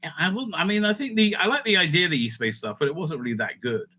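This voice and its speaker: Ranking TV stories as a video host, this fast-talking man has a very bright, forceful voice pitched a little high and lively intonation. His casual commentary rambles as he thinks aloud, frequently breaking off mid-sentence to start over.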